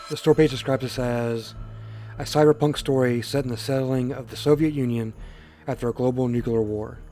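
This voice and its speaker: A man's voice: medium pitch, darkish tone. A man hosting a let's play, reading a game's story text aloud in a plain voice and breaking off for joking asides. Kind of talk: casual game reading commentary.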